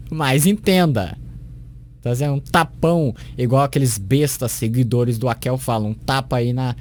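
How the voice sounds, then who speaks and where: A man's voice: medium pitch, moderate pace. A man in a mid-range voice picks apart a sermon with scorn and sarcasm. There is a faint hiss behind him. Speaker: commentator reacting to a sermon. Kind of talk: critical reaction commentary.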